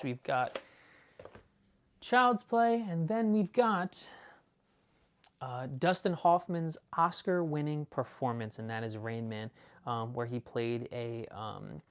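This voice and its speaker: Showing off his movie disc collection, a man rambles with enthusiasm in a clean, medium-pitched voice. This casual unboxing chat is full of fillers and restarts, and at times he speeds up.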